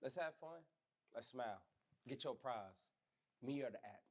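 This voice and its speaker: A man's voice: medium pitch, animated, moderate pace. A man hosting a casual chat, playful and slangy, joking with his guest. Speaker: host.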